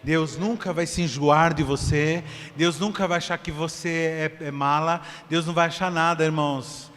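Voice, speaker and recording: A man's voice: a little high, steady tone, normal speed, fairly bright tone, in a large hall. A male pastor preaching a sermon in a casual, conversational way, acting out the voices of church members.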